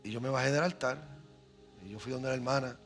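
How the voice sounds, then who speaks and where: The voice is mid-range and fairly bright, steady in tone and a little fast. It belongs to a middle-aged man preaching a sermon, dramatically paced storytelling where he acts out voices, captured on a handheld mic over faint background music.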